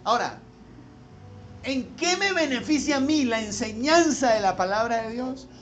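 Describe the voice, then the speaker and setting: Male pastor, high tenor, emphatic sermon delivery, faint noise floor. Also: normal speed. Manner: animated preaching, rising to loud emphatic peaks, asks the congregation questions.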